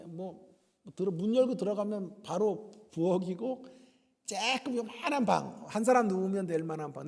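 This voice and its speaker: A man's voice: on the high side, creaky, breathy edge. A middle-aged man preaching a revival sermon, telling stories with humor and acting out quoted voices. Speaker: pastor and professor. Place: large church hall. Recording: echoey church hall.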